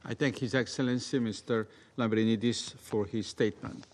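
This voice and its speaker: A man's voice: medium pitch, fairly even intonation, normal speed. A man chairing the council, giving the floor in a brief, procedural way. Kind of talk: formal chairing. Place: UN Security Council chamber.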